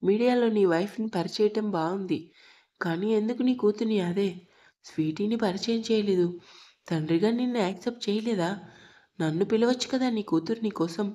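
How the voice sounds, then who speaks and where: A woman's voice: mid-range voice, normal speed, dark tone, natural voice. A woman voicing a scheming male rival who taunts a father over the phone. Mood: taunting. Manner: taunting, smug.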